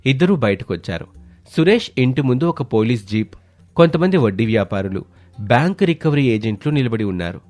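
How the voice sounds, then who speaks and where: A man narrating a scripted animated moral story in a dramatic, measured way. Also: mid-range voice, faint music behind.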